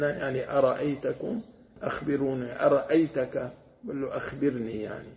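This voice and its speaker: Gravelly sheikh teaching. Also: male voice, medium pitch. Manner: explains patiently, repeats and sounds out words slowly. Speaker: sheikh teaching Quran commentary. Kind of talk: religious lesson. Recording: dull lo-fi lecture recording.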